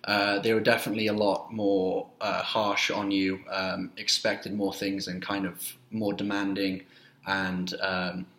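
A young man in his twenties from Wales, a youth soccer coach, answering interview questions in a halting way with many fillers, recorded on a laptop webcam in a small room. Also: deep voice, little pitch movement, fairly bright tone. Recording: roomy webcam audio.

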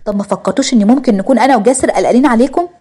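A fussy, quick-tempered young wife in a storybook reading, scolding in a raised voice, played by a woman narrator. Husky and rushed. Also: fairly high pitch, warm tone, pitched above the performer's own voice. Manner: complaining, raised voice.

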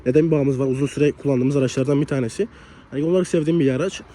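Fast-talking slightly hoarse young man. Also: medium pitch, warm tone, slight background noise. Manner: chatty, leans on the filler "hani". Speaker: car reviewer. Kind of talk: casual car review walkthrough. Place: outdoors beside a car in cold weather.

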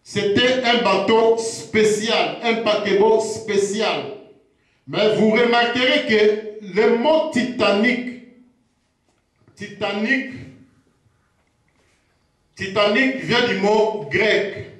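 A man preaching a teaching sermon, slow and repetitive, pausing to check himself as he goes. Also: high voice, a bit bright. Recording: very echoey room.

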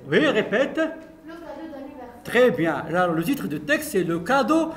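In his classroom, a male primary school teacher reads a story and leads a comprehension lesson, addressing his pupils directly. His high voice is sing-song, and he speaks slowly and repetitively.

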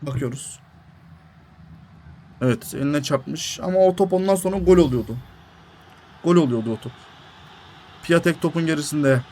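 A young man commentating his own football video game, shouting at goals and griping at the referee. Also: fairly high pitch, moderate pace, pauses often, a little hiss or hum. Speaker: gaming YouTuber.

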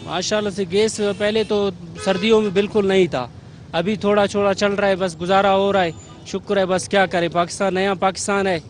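A man's voice: sits high, level tone, a little fast, a little hiss or hum. A man, a resident answering in a resigned way with pious phrases. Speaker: local resident interviewed.

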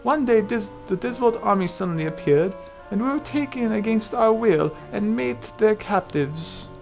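A creaky old hag of a plant sage , played by a man, haughty and cranky. The voice is pitched high and swoops theatrically, drawing words out slowly as in a video game read-through, with music behind it. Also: animated, muffled recording. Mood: approving, solemn. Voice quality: creaky, affected old-lady voice. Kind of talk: reading video game dialogue aloud in character.

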